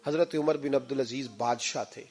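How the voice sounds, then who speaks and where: A man's voice: mid-range voice, fairly even intonation, a little mellow. A man preaching a sermon in a Pakistani Urdu accent, emphatic and full of rhetorical questions that rise on key points.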